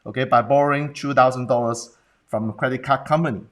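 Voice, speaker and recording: Hong kong accented guy coaching on a live stream, blunt, mid pitch, keeps asking the viewers stuff. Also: fairly even intonation, fast. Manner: rhetorical questions and check-ins with the audience. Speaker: business presentation coach.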